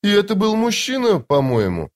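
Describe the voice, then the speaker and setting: A man doing a gruff woman lieutenant. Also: medium pitch, huge pitch swings, normal speed, voice pushed up. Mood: curt. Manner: curt, commanding. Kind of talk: audiobook character voice.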